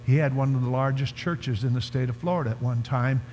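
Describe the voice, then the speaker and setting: A man's voice: mid-range voice, steady tone, a little fast, a little mellow, a little hiss or hum. A man preaching a sermon at a conference, telling a story emphatically and calling out to the congregation. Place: large conference hall. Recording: reverberant hall, faint music underneath.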